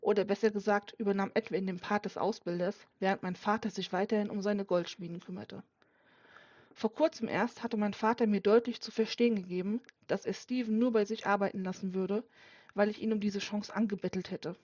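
A woman narrating a first-person audiobook in a calm, subdued storytelling manner. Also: medium pitch, brisk, no echo. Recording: dull dry lo-fi recording.

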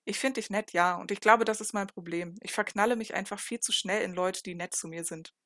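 A woman's voice: mid-range voice, fairly even intonation, fairly quick, fairly bright tone, dry recording, studio quality, close to an everyday voice. A woman reading the lines of a young man in an audiobook, giving short, mumbled, blunt replies. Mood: earnest. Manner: terse, mumbled, shrugging replies. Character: young man, teen boy, shy and blunt.

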